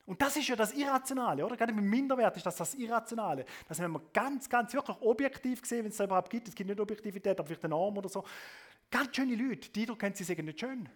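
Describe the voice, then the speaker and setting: High-voiced preacher. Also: male voice, expressive, very fast. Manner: swings between loud emphasis and soft low asides; often adds a questioning "oder?" tag. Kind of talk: sermon.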